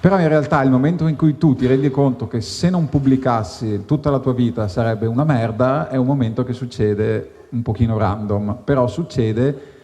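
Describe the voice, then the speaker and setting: Brief: mellow man, relaxed self-deprecating author, live onstage, long reverb. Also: medium pitch, normal speed. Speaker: guest author. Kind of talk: casual live onstage conversation. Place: outdoor tent at an evening wine festival.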